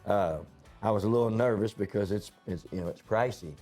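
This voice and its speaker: A man's voice: on the low side, fairly quick, darkish tone, faint music behind. A man, a store owner telling rambling, folksy anecdotes in a casual interview.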